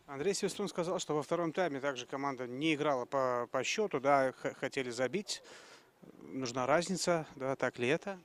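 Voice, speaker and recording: A man in his thirties conducting post-match interviews outdoors into a handheld microphone, phrasing his questions a bit haltingly. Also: medium pitch. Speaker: sports interviewer. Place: outdoors at a football stadium.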